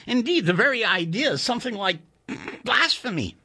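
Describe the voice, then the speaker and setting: A man voicing a nervous, excitable male computer engineer who stammers and talks urgently. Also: moderate pace, husky, full character voice. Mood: amused. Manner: high-strung, stammering, urgent.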